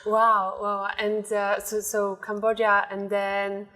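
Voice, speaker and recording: A woman's voice: medium pitch, monotone, slow pace, sharp tone, poor audio. A woman hosting a podcast, introducing her guest in a chatty way with many fillers and restarts. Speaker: podcast host.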